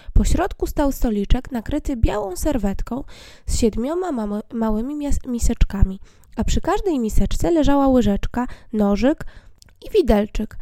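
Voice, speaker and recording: A woman's voice: a little high, dry recording, studio quality. Woman reading a fairy tale aloud. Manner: gentle, even storybook reading with small slips. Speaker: storyteller.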